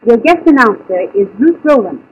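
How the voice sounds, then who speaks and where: A woman acting as guest announcer in 1930s radio banter, bright, emphatic and theatrical, heard as an old AM radio broadcast. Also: fairly high pitch, animated, normal speed, slightly rough, rough recording. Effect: old AM radio broadcast sound.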